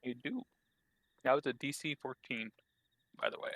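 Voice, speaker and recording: A man's voice: mid-range voice, fairly even intonation, brisk, vocal fry, fairly bright tone, no echo. A man narrating as game master of a tabletop game, hesitant, with many fillers and restarts.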